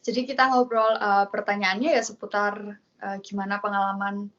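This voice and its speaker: A young woman from Indonesia telling her story as an interview guest, pausing with many fillers and acting out quoted lines. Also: mid-range voice, little pitch movement, a bit bright, dull audio. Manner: hesitant, many fillers, acts out quoted dialogue.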